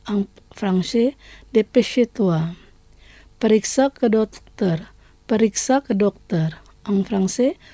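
A woman hosting a scripted radio language lesson, speaking slowly and repeating each phrase twice. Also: mid-range voice, vocal fry, warm tone, no echo.

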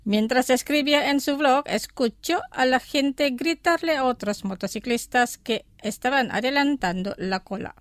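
A woman teaching a language lesson, speaking slowly and deliberately, repeating each word twice for listeners. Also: high-pitched, no echo, studio quality.

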